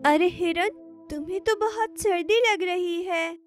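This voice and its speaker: Tiny sweet cartoon girl voice, super high, kinda slow, music in back. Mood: gentle. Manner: sweet, eager, pleading. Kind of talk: cartoon dubbing. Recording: music playing underneath.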